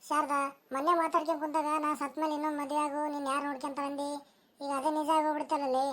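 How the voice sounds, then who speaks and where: A sheepish village husband in a cartoon, his voice very high and the words tumbling out fast, as a woman voices him. He wails and begs in a North Karnataka Kannada accent. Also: steady tone, a bit bright. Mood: mock grieving. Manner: wailing then begging. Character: pleading middle-aged village husband caught cheating.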